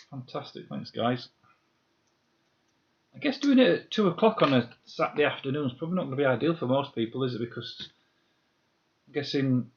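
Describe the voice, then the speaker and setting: Bloke in his 50s, chatting and muttering away on a lego live stream, mid pitch, kinda dull lo-fi audio. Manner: chatty, muttering to himself, reading out viewer comments. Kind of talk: casual live-stream chat while building.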